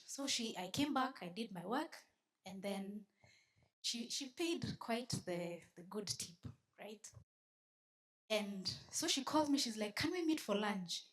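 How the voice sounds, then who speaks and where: Lively Kenyan woman telling a story. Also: medium pitch, measured pace. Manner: lively storyteller, switching between English and Swahili and teasing the audience. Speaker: conference speaker. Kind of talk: storytelling talk to a live audience. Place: conference venue.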